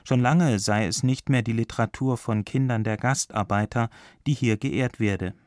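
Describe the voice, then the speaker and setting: A man narrating a scripted radio report in a calm, formal way. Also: mid-range voice, normal speed, no room sound, studio quality.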